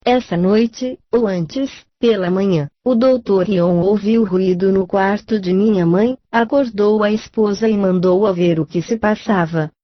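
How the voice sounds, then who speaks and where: A woman reads a book aloud in a calm, measured narration. Her voice sits in a middle range. The recording is dull and lo-fi, with a dry sound and no room echo. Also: medium pitch. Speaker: reader.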